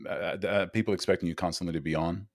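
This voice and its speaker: A man's voice: sits low, fairly even intonation, fast talker, dry recording, studio quality. A man interviewing someone casually, asking questions and giving short acknowledgements.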